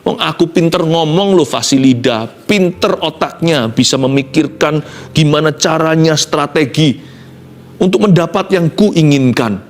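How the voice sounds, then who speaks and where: A pastor preaching a sermon with dramatic delivery, mixing in English phrases and dropping to soft pleading when he acts out quotes. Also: fairly high pitch, a little slow.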